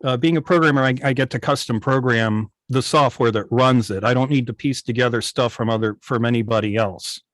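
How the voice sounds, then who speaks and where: On a video call microphone, a man who operates and programs a radio station joins an online club meeting as a guest, casually explaining technical topics. He sounds hesitant, repeats words often, and talks a little fast with few pauses in a mid-range voice, with no echo.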